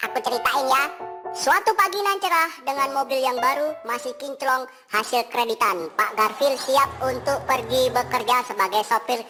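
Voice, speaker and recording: A woman's voice: high-pitched, normal speed, close to an everyday voice. A woman voicing a cheeky, reformed male cat who tells a children's Sunday school story in a playful, sing-song way with sound effects. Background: music.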